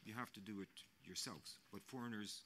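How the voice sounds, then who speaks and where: Speaking off the cuff at a panel in a press center hall, an older man from an international mission talks earnestly into a desk microphone, his fairly low voice bright and forceful. He chooses words carefully in a measured way, frequently restarting sentences and using fillers, while the hall hums faintly.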